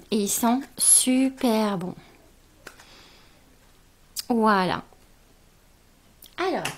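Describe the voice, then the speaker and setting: A woman's voice: fairly high pitch, a little hiss or hum. A woman chatting casually as she unboxes beauty gifts, gushing with exclamations. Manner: gushing, exclamatory, slow and drawn out. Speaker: beauty vlogger.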